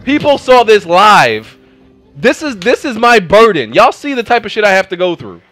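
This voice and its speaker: A man streaming a game, loudly ranting and repeating himself at his teammates, worked up and near-hysterical. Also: sits high, sing-song, normal speed, faint music behind. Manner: loud, exasperated, repeats himself, yells at teammates. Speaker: gaming streamer. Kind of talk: ranting live stream commentary.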